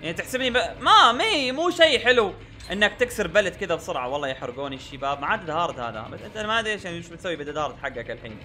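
Bright, animated young gamer. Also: male voice, a little high, very fast, faint music behind. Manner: exasperated, repeating himself, swearing oaths. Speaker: gaming YouTuber. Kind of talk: live gameplay commentary.

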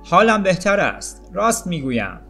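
An eager, wide-eyed little boy from a storybook, stuck in bed and full of questions, as a male narrator acts him out. The voice jumps high above the narrator's own and comes out louder and brighter. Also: very animated, soft background music, heavily acted. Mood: curious.

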